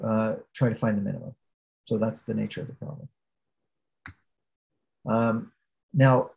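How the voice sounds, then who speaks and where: A man lecturing over a video call from a small room, walking through the material step by step. His voice is low and gravelly, with a mellow, dark tone, and he often pauses on fillers and restarts his sentences. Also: rough recording. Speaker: keynote speaker. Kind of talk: academic lecture.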